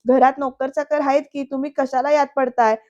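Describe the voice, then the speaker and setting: A woman voicing a scheming young man in a television drama recap, who talks in a hurried, pushy, fretful way. Her own high voice comes through. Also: flat delivery, darkish tone, highs cut off, close to an everyday voice. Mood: insistent. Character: scheming agitated young man hiding a secret.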